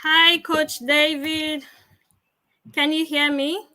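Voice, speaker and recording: A woman's voice: sits high, flat delivery, slow pace, pushed and bright. A woman hosting an online conference over a choppy video-call line that keeps breaking up. She politely checks that she can be heard. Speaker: host. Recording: distant, choppy call audio.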